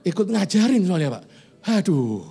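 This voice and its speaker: A man in his forties preaches to his congregation with a slightly high voice, shifting from easy jokes to pointed, rising questions. Soft music plays behind him in the church. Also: big pitch swings, normal speed, vocal fry, slightly rough. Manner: conversational, joking asides, rising emphatic questions. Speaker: pastor. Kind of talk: sermon. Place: church sanctuary.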